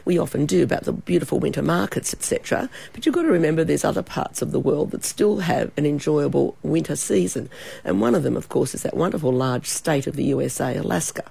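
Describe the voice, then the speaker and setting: A woman with an Australian accent, hoarse and croaky from a cold and sore throat, chatting as a travel expert in a radio interview. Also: deep voice, lively intonation, fast, dark tone. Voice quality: croaky, husky.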